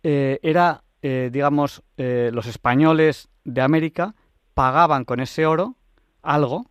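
A man hosting a live call-in radio show, hurried and stammering as time runs short. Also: a little high, clear, resonant tone, no room sound. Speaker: radio host.

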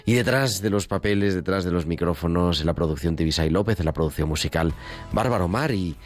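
Deep-voiced radio host. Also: male voice, soft background music. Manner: brisk, reads contact details aloud. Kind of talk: live radio hosting.

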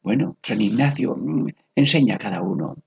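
A very husky man with a gravelly edge guides a prayer meditation on the radio. He speaks slowly and meditatively, repeating single words with long pauses. The recording sounds dull and lo-fi. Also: fairly low pitch, expressive, darkish tone, no room sound. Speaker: catechist leading family prayer.

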